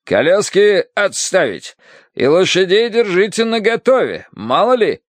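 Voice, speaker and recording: A man doing a gruff barking old colonel. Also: sits high, sing-song, measured pace, no room sound, voice pushed up, heavily acted. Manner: barking, grumbling.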